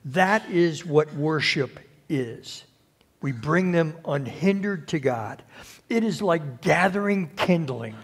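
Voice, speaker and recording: Slow-speaking pastor preaching a sermon. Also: male voice, a little high, animated. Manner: unhurried, with frequent restarts and repeated words. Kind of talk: conversational sermon. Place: church service.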